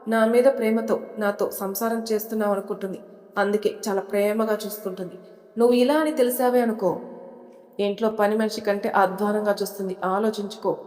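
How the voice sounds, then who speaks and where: A woman's voice: mid-range voice, steady tone, a little fast, a little mellow, echoey room, in a large hall, lightly acted. A woman voicing a domineering young husband who mocks and threatens his bride in an audio story. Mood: threatening. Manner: bossy, mocking, threatening.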